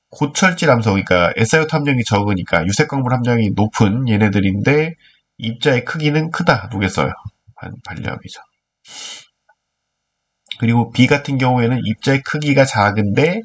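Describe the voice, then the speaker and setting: A man teaches in a stuffy, nasal voice of average pitch. He works through practice problems step by step for a video lesson. His delivery is informal and explanatory, often posing questions and answering them himself. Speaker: earth science teacher.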